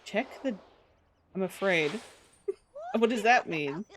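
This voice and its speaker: A woman with a mid-range voice and lively intonation speaks slowly, with a little hiss or hum in the recording. She gives casual live commentary on a life-simulation game, chatting to her audience and the game's characters and tossing in giggly remarks.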